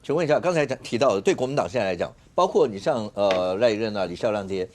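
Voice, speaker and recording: Fast-talking male talk show host. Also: lowish voice, lively intonation, a little mellow, a little hiss or hum. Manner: long winding questions, many fillers. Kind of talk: TV political talk show hosting. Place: TV studio.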